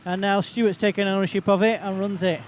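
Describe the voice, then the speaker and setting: High-voiced man, chatty tractor pull announcer. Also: level tone, fairly quick. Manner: chatty, rambling patter. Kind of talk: live unscripted event commentary. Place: outdoors at a tractor pulling event.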